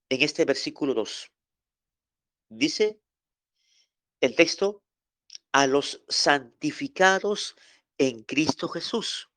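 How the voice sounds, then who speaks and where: Male pastor teaching a Bible lesson, slow and methodical, repeats key terms, dry close sound. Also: fairly high pitch, a bit bright, no room sound. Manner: repeats key words and dictates notes to students. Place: online class.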